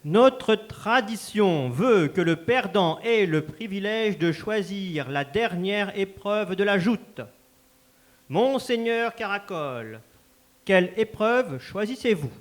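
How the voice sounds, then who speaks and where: Man playing a pompous master of ceremonies, high voice swooping up and down, unhurried. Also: animated. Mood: solemn. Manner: formal, solemn announcer. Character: ceremonious master of a verbal joust. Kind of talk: live stage reading.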